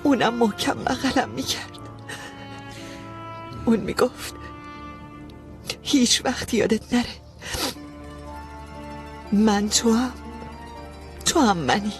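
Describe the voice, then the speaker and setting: An actress playing a grieving young woman who has lost her sister, weary and sharp-tongued, in a dubbed TV drama. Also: a little high, long pauses, faint music behind, close to an everyday voice.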